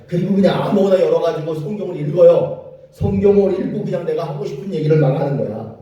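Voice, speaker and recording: Male pastor, animated storytelling sermon, dark mellow voice, echoey church picked up from afar. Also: fairly high pitch, recorded from a distance. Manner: storytelling, animated, with laughing asides.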